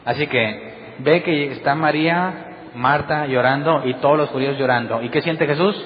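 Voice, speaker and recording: A man preaching a Bible study sermon, firing questions at his listeners and acting out the voices he quotes. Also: on the high side. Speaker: pastor. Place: church hall. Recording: long hall reverb, dull sound, faint noise.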